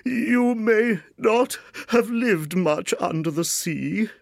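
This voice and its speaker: Mournful old turtle creature, storybook style, very slow, swooping, theatrical. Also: mid-range voice, very animated, no room sound, studio quality, voice pushed up. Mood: wistful. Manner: drawn-out, wistful, theatrical. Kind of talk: children's audiobook character voice.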